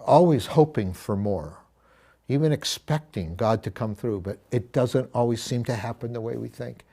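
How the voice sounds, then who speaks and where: A man's voice: medium pitch, moderate pace, gravelly, warm tone. A middle-aged man teaching a Bible study in an earnest, reflective, conversational way, with frequent asides and self-corrections.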